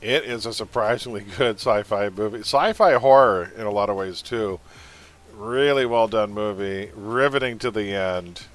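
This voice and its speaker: A man's voice: fairly low pitch, moderate pace. Joking man hosting a stream trivia quiz. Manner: joking, sarcastic asides between questions. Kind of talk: casual livestream quiz hosting.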